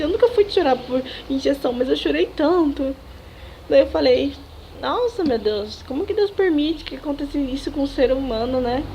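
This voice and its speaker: A young Brazilian woman chats to her camera in a slightly high voice, retelling a personal story with big emotion, quick laughs and acted-out dialogue. A faint hiss sits under the recording. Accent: Brazilian Portuguese. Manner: animated, emotional retelling with laughs and dramatic quotes. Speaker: vlogger.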